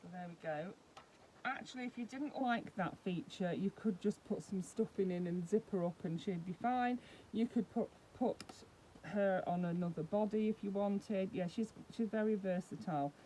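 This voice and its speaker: Brief: woman, doll-collector vlogger, mid pitch, chatty step-by-step demo, faint background hiss. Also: moderate pace, warm tone, rough recording. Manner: chatty, explains step by step while handling the doll. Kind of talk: casual unboxing demonstration.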